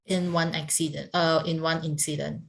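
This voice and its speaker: A woman who is a non-native English learner, speaking haltingly in a lesson and repeating phrases back. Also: low-pitched, flat delivery, creaky. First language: not English. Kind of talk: conversational language lesson.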